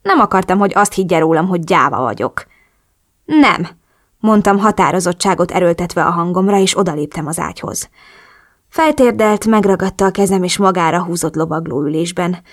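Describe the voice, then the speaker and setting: A woman narrating a romance audiobook in the first person, expressive and lively. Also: fairly low pitch, no room sound, clean studio sound.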